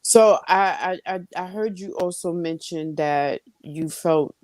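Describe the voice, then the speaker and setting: A woman's voice: lowish voice, takes it slowly, darkish tone, no echo. A woman podcast host asking probing, supportive follow-up questions and sharing her own experience.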